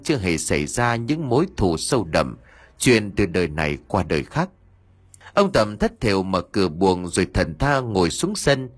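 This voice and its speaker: A man narrating a ghost story as an audiobook reader, reading slowly and dramatically. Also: fairly low pitch, slightly rough.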